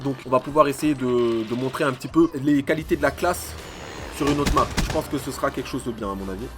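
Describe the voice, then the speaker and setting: A man giving excitable, slangy live commentary over his own gameplay as a YouTuber, swearing often and talking at his opponents. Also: on the high side. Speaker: gaming YouTuber.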